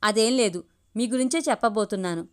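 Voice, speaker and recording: A woman reading the lines of a middle-aged mother who soothes her daughter while gently needling her husband. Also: a little high, brisk, clean tone, lightly acted. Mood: wry.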